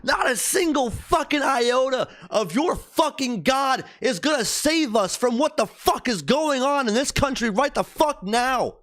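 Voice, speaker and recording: A man's voice: very high voice, lively intonation, a little slow, hardly any pauses, a bit bright. A man hosting a livestream, venting in a heated, profane rant with repeated emphasis. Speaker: livestream host. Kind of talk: angry political rant.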